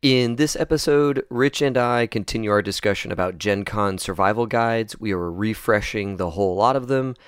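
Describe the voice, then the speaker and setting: Easygoing American podcast host. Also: male voice, fairly low pitch, moderate pace, hardly any pauses, smooth. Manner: easygoing, chatty, laughs often. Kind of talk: casual podcast chat.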